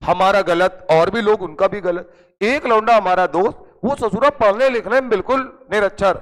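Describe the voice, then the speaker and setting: A high-voiced male chemistry teacher spins an animated anecdote for his students. He slips into the voices of friends and his mother as he tells it. His voice rings through a reverberant classroom with a long echo tail. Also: normal speed. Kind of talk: classroom storytelling. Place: coaching classroom.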